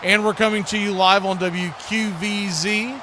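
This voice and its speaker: This play-by-play announcer hosts a livestream, calling the sports action in a relaxed, homespun manner and chatting with viewers. His voice is high and steady at a normal speed, and the stream is noticeably noisy with background ambience.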